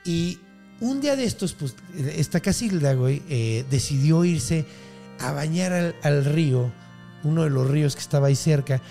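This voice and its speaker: A man's voice: a little high, lively intonation, moderate pace, gravelly, mellow, faint music behind. A man telling a scary legend as a comedy, full of slang and swearing. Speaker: storytelling podcast host. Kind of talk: comedic storytelling.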